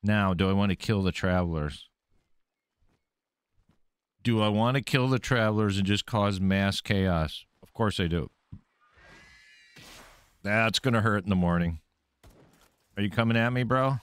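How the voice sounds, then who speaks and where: A man's voice: lowish voice, a little slow, pauses often, smooth, no room sound. A man streaming a game live, commenting casually, swearing freely and taunting the enemies he fights.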